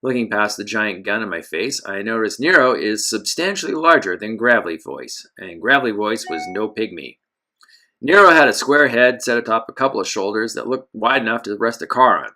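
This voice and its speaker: A man's voice: lowish voice, sharp tone. A man narrating a first-person pulp adventure story with wisecracking, self-mocking, hard-boiled asides.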